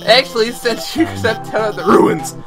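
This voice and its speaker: A man's voice: very high-pitched, moderate pace, loud music behind the voice. A man voicing a nervous, nerdy female lizard scientist, stammering and flustered as he reads game dialogue aloud. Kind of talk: reading game dialogue aloud in a let's play.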